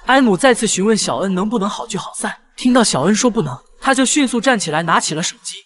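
Recap narrator: man with a high-pitched voice, brisk scripted storytelling. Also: animated, fairly bright tone.

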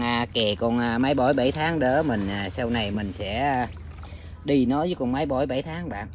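A man talking casually to his viewers outdoors, rambling with many filler pauses. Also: medium pitch, darkish tone, a little hiss or hum. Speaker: bird-trapping vlogger. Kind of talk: casual outdoor vlog narration. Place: outdoors in countryside.

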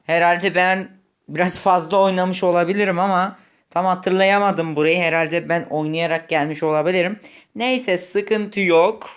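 A young man giving casual gameplay commentary, chatty, muttering when frustrated and shouting when excited. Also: high voice, normal speed, clear, resonant tone. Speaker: gaming YouTuber.

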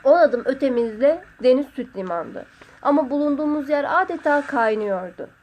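A woman calmly narrating a literary short story as an audiobook reader. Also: high voice, moderate pace, a little hiss or hum.

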